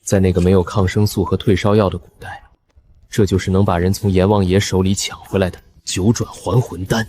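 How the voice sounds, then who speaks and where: An actor playing a brash modern warehouse boss in a drama, bewildered but decisive, with blunt, colloquial speech. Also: male voice, deep voice, level tone, brisk, mellow, slight background noise, close to an everyday voice. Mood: thoughtful. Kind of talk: scripted drama acting.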